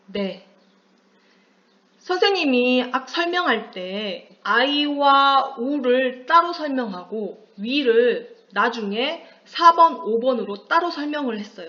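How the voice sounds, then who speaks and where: A woman teacher with a slightly high voice, working through a lesson at an unhurried, deliberate pace. She poses questions to her class and answers them herself, and the sound is dull and lo-fi. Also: a bit bright. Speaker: high school Chinese teacher. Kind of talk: classroom lecture on pinyin.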